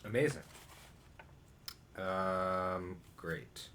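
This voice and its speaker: A man's voice: sits low, extremely slow, fairly bright tone, a little hiss or hum. A man playing a tabletop role-playing game, talking casually about his dice rolls. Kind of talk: casual chat.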